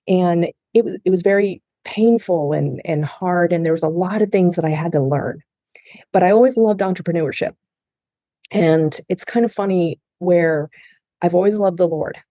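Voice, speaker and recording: In clean studio quality with no echo, a woman's fairly low, dark-toned voice recounts her life as an interview guest on a podcast. She is middle-aged, grew up in Japan, and speaks English as a second language, sounding earnest and heartfelt despite frequent restarts.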